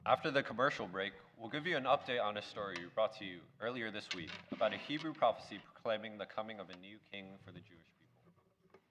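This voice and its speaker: A man playing an earnest evening news co-anchor in a church play, with a formal, measured breaking news delivery. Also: fairly low pitch, a bit bright, a little hiss or hum, close to an everyday voice, low-quality recording. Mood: serious, newsy. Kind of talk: breaking news delivery, scripted mock newscast.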